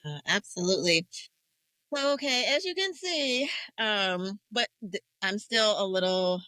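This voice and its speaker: A woman in her forties hosts a faith-centered conversation about grief. She talks candidly and emotionally, searching for her words with many fillers. Her voice is bright and forceful, heard close and dry. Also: medium pitch, lively intonation, a little slow, dry recording, rough recording. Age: 40s. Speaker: podcast host.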